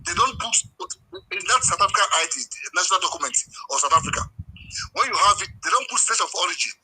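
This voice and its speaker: A man's voice: high voice, lively intonation, quick pace, sharp tone, slight background noise, poor audio. A man calling in to a talk show, earnestly making his point and often saying "you know". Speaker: caller. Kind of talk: phone-in commentary.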